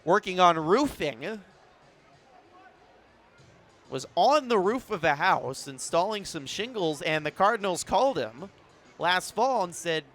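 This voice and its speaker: Doing play-by-play commentary for sports, this American man has a voice that sits high; he's measured between plays, then builds to excited calls.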